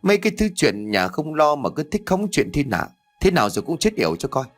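A man voicing a gruff, hot-tempered middle-aged husband, a former gangster who curses his neighbors. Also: fairly high pitch, big pitch swings, a little fast, soft background music, pitched above the performer's own voice. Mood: angry. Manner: gruff, cursing.

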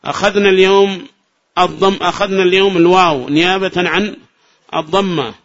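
A grammar teacher from Yemen gives a classroom lecture in a fairly high voice. He keeps checking his listeners with short rhetorical questions and repeats examples slowly. The recording sounds dull and lo-fi. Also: fairly even intonation, a bit bright.

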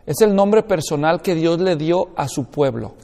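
A man's voice: fairly high pitch, lively intonation, measured pace, creaky, warm tone. Man teaching a Bible class in a hall. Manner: explanatory, checks understanding with questions.

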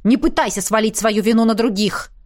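A woman voicing an angry, hot-headed young male magic enforcer who shouts accusations in a storybook reading. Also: fairly high pitch, fairly quick, close to an everyday voice. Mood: angry shouting.

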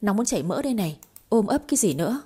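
A woman's voice: mid-range voice, sing-song, very fast, dark tone, husky. A woman voicing an exasperated young husband who grumbles in a put-upon way in a storybook.

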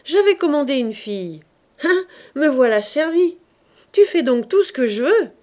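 A woman playing a loud, joking roofer husband. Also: sits high, expressive, measured pace, pitched above the performer's own voice. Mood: teasing. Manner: loud, teasing, bantering. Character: boisterous joking working-class Parisian roofer husband.

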